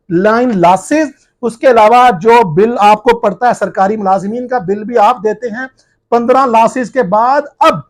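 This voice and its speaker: Forceful high-voiced accusing journalist. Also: male voice. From Pakistan. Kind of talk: impassioned address to viewers.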